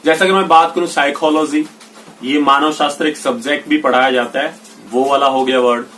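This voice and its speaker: A male teacher giving a spoken grammar lesson, slowly reading out English example sentences one by one. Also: a little high, steady tone, fairly bright tone, recorded from a distance, slight background noise. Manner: explains slowly, reads English examples out deliberately. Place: indoors with rain heard outside. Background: rain.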